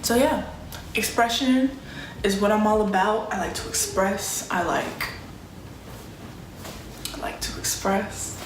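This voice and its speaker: A twenty-year-old woman from Chicago vlogs casually to the camera in a medium-pitched voice, speaking slowly with frequent pauses, heavy slang and constant self-interruptions. She's in a small, plain-walled room that echoes, with music and other background noise playing underneath.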